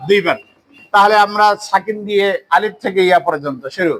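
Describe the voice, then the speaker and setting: A man's voice: high-pitched, a little fast, a bit bright, rough recording. A man teaching a Quran recitation class in a mosque. He drills pronunciation, and he asks questions and then answers them himself.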